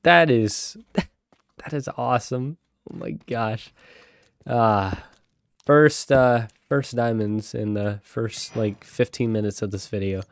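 This gaming channel host is a young man whose cold leaves him stuffy and nasal; he chats casually and rambles through gameplay, breaking into sudden excited bursts. The voice is gravelly, medium in pitch, and slow, recorded dry.

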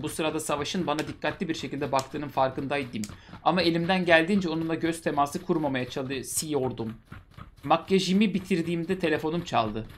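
A man's voice: on the high side, slight background noise. A male host reading a story aloud for laughs, breaking off for mocking asides. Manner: mocking asides between read passages. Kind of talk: comedic dramatic reading with commentary.

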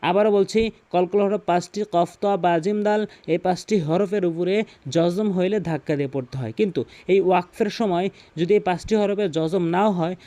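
A man's voice: high-pitched, moderate pace, warm tone. A man teaching Quran recitation in Bengali with a Bangladeshi accent, explaining pronunciation rules step by step and repeating key points. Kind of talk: tutorial explanation with recited examples.

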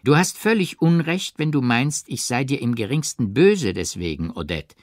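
A man reading an audiobook, voicing a jealous gentleman lover who presses with falsely gentle persuasion. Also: medium pitch, very animated, normal speed, dry recording, clean studio sound, pitched above the performer's own voice, close to an everyday voice. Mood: persuasive.

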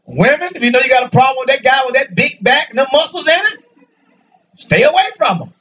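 A man preaching a lively sermon to a congregation in a church, joking and calling out for answers. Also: very high voice, fairly quick. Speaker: pastor. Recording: dull, distant church recording.

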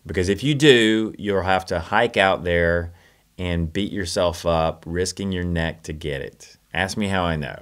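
A middle-aged man with a notably low voice talks through travel advice with a wry, understated humor. His commentary is relaxed and conversational. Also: measured pace. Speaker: travel vlog co-host. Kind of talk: scripted commentary with co-host.

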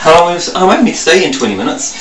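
A man's voice: a little high, sing-song, fast talker. A man in his thirties chatting casually while shivering in ice cold water in a bathtub. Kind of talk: casual chat with the camera operator. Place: small bathroom, sitting in a bathtub. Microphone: handheld camera a short distance away. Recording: echoey noisy bathroom, distant camera mic.

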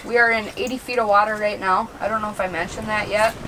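A young fishing vlogger with a high, steady voice talks fast and upbeat as he narrates his trip to viewers, calling them dudes. He films himself with a handheld camera held at arm's length, outdoors on a frozen lake and inside an ice shelter, with a noisy background.

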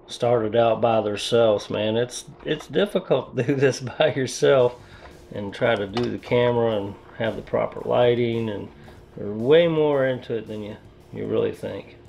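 A man's voice: medium pitch, measured pace, creaky, darkish tone, a little hiss or hum. A man casually narrating as he repastes and reassembles his computer, rambling and self-deprecating, talking to himself as he works. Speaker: PC hobbyist vlogger. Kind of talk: casual narration while working on a PC.

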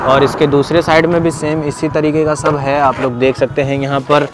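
A man's voice: fairly high pitch, level tone, moderate pace. A young man narrating a travel vlog while riding on a motorbike, chatting with viewers and a friend. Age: young adult. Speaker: vlogger. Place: outdoors on a moving motorbike on a road. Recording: outdoor road noise.

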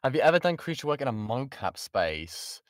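Speaking in a mid-range voice, this British voice actor is brisk and highly animated as he fields questions during an online workshop in a relaxed, self-mocking way. The audio has studio quality with no echo, captured on an XLR studio microphone inside his insulated home booth.

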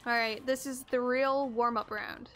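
A woman's voice: a little high, fairly even intonation, fairly bright tone, soft background music. A woman streamer chatting casually and goofily with friends while playing a game, laughing often. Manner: giggly, goofy, quick to laugh. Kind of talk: casual gaming chat with friends.

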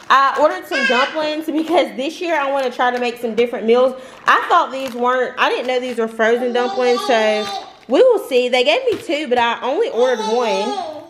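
Her voice sits high, with a bit of background noise, as this young woman in her twenties casually chats through a grocery haul vlog. She's indoors in her home kitchen, rambling and laughing frequently, filmed by a camera on the counter.

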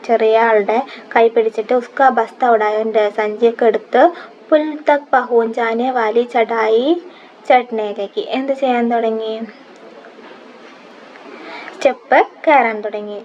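A woman teaching a Hindi story lesson, reading lines slowly and then explaining them with quiz questions. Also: fairly high pitch. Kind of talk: line-by-line textbook explanation. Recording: dull lo-fi audio with faint background hiss.

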